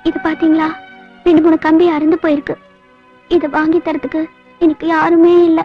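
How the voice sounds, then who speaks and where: A shy young woman in an old film, soft-spoken and hesitant. Her voice sits high. The soundtrack is dull and muffled, with faint music underneath. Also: level tone, normal speed. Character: shy gentle young woman, veena player. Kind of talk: film dialogue.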